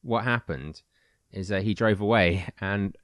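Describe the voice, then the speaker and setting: A man's voice: on the low side, unhurried, fairly bright tone, no room sound, clean studio sound. A young man co-hosting a podcast, drunk, telling stories with lots of hesitation. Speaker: podcast co-host. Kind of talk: drunk casual storytelling.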